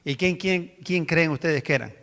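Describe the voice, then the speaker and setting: High-voiced man preaching in a reverberant hall. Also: normal speed, fairly bright tone. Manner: storytelling, conversational with rhetorical questions to the congregation. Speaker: pastor. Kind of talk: sermon.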